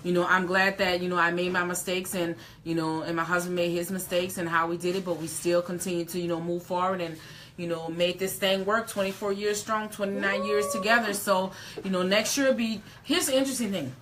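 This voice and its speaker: A woman's voice: fairly low pitch, steady tone, a little fast, a bit bright, a little hiss or hum. A woman in her late forties hosting a casual live chat, emphatic and folksy, repeating words for stress. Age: 40s. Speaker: host.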